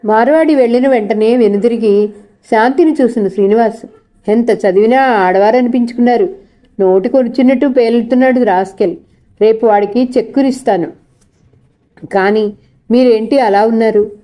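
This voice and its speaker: A woman's voice: fairly high pitch, normal speed, dark tone. A woman reading a novel aloud as a storyteller, shifting her voice a little for each character's lines. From India. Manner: reads dialogue with small shifts of voice and pace.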